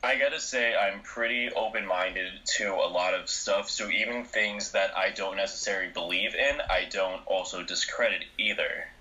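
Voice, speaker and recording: A man from New Jersey co-hosting a podcast, with a lowish voice and a bright, forward tone. He talks in quick, easygoing musings and hedges nearly every claim. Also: poor audio. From New Jersey, USA. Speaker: podcast co-host. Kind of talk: casual chat.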